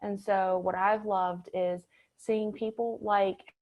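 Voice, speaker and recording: A woman's voice: mid-range voice, takes it slowly, narrow, tinny audio. Woman on a call, audio cutting in and out. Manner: steady explaining with filler "um"s. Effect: audio cutting in and out, uneven volume. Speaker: webinar speaker. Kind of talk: business talk on a video call. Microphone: video call.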